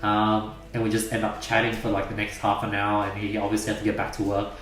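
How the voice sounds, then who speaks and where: A man's voice: lowish voice, monotone, fast, a bit bright. Rambling young man in an echoey room. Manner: rambling, many "like" fillers. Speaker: podcast host. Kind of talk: casual storytelling chat. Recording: roomy echo, mic at a distance.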